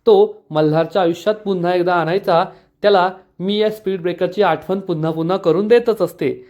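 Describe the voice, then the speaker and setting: A man's voice: high voice, fairly even intonation, a little fast, darkish tone, muffled recording, close to an everyday voice. A man voicing a scheming young woman from a TV drama, reading her plotting lines in a calculating tone.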